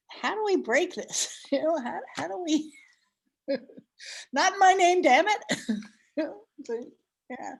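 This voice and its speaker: A woman speaking hesitantly in a casual discussion, with sighs and halting starts. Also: very high-pitched, lively intonation, creaky, poor audio. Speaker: participant in an activist forum. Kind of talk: casual discussion on a video call. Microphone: video call.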